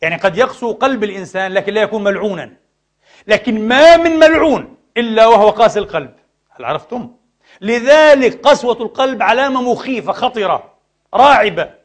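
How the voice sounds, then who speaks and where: A man preaching a sermon lesson, addressing the brothers with rhetorical questions and swinging between loud outbursts and quiet asides. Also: high-pitched, animated, a little fast. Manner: impassioned, rhetorical questions to the audience.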